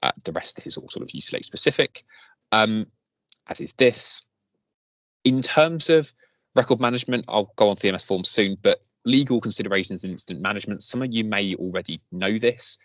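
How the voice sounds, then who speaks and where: A man's voice: on the low side, a little fast, fairly bright tone, dry recording. A man giving a work presentation on a video call, explaining steadily with frequent ums. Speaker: hospital staff presenter. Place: online meeting.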